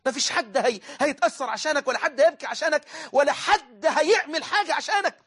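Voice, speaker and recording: Man, Egyptian accent, preacher, rapid delivery, emphatic, repeats phrases. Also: very high-pitched, a bit bright. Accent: Egyptian Arabic. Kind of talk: religious sermon.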